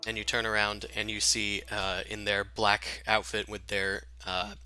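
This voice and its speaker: A man narrating a tabletop game as game master in a halting, informal, casual way. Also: lowish voice, little pitch movement, pushed and bright, smooth, soft background music.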